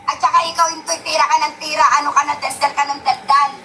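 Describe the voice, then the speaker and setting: A woman's voice: high-pitched, level tone, quick pace, over a noisy crowd. A woman talking in a casual stream clip, scolding and questioning others.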